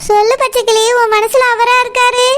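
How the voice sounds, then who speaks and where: A performer voicing a caring, insistent older sister in a cartoon, talking quickly and coaxingly. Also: extremely high pitch, little pitch movement, a bit bright. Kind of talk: cartoon voice acting.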